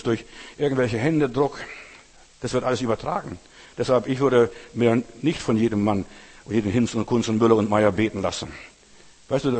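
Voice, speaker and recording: A man delivers a sermon with insistent emphasis, repeating phrases to drive points home and putting direct questions to his listeners. His voice is husky, mid-pitched and darkish, ringing with the long reverb of a large hall.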